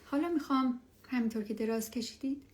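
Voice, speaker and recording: A woman leading a guided relaxation meditation as an instructor, speaking softly and soothingly, often near a whisper, with unhurried pauses. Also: on the high side. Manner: unhurried, with long pauses between phrases.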